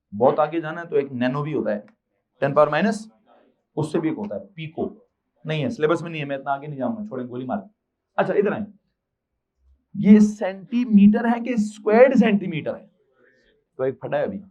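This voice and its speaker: A man's voice: sits high, a little mellow, muffled recording. A male physics teacher with a Pakistani Urdu accent, lecturing a class and quizzing the students with repeated questions.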